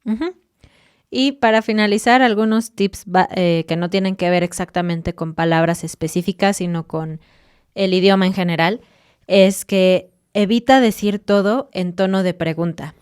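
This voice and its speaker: Smooth-voiced woman teaching. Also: medium pitch, normal speed, a little mellow, dry recording, studio quality. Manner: explains patiently, demonstrates sounds. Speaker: podcast co-host. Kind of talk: casual teaching chat.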